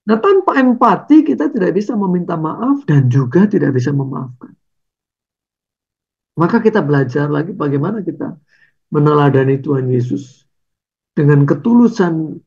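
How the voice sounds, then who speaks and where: A man's voice: fairly high pitch, vocal fry, a little mellow, breathy edge, highs cut off. A man preaching a conversational sermon over slides, tagging his phrases with "ya" and "gitu".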